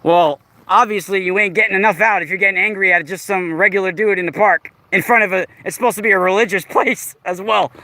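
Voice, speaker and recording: This forties-aged male vlogger, recorded on a camera mic in a park, is sarcastically confronting a stranger in a casual vlog and keeps repeating himself. He talks fast in a high, sharp-toned voice with few pauses, and the recording is dry.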